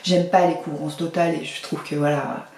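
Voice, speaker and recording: A woman's voice: deep voice, steady tone, fairly quick, creaky, a little mellow, recorded from a distance, a little hiss or hum. A woman vlogger talking casually through a makeup tutorial, chatty and playful, with little sing-song asides. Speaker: beauty vlogger. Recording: echoey room, mic set back.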